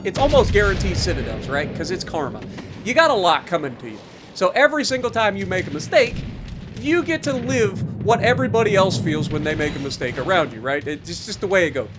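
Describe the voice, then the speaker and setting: Man, video game commentary, joking, lots of uh fillers, lively swinging pitch, light background hiss. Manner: animated, joking, with frequent fillers. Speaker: gaming YouTuber. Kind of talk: after-action gameplay commentary.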